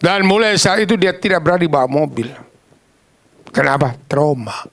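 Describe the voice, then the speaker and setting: A man preaching a sermon, telling stories in a lively, casual, slangy way and acting out the voices of the people in them. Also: fairly high pitch, moderate pace, gravelly, dry recording. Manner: animated, acts out quoted voices.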